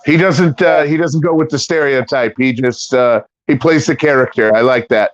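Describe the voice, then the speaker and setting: A man's voice: mid-range voice, dry recording. A man chatting casually as a livestream guest, stammering and repeating words. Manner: stammering, quick to laugh. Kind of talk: casual chat. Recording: dry, dull lo-fi audio.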